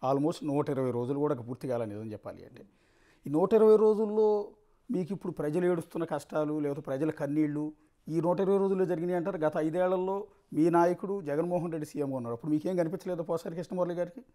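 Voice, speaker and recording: A man's voice: a little high, fast, warm tone. A man interviewing a guest on politics, pressing him with confrontational questions.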